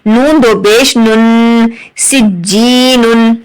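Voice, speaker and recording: A woman's voice: fairly high pitch, steady tone, drawn-out words, clean tone, low-quality recording. A woman teaching Quran reading with an Urdu accent, spelling out letters and vowel marks and then blending them into words. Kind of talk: slow syllable-by-syllable recitation lesson.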